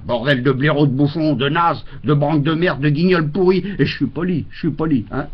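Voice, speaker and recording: A man's voice: on the high side, a little fast, husky. A man doing a rambling, exasperated comic monologue into a webcam at home, full of fillers and mock rants. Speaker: comedian. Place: home, indoors. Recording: dull lo-fi webcam audio.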